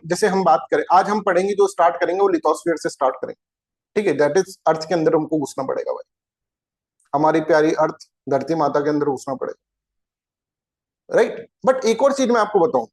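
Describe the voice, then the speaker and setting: A man teaching an exam-prep geography lecture, chatty and informal, who keeps asking his students rhetorical questions. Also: fairly high pitch.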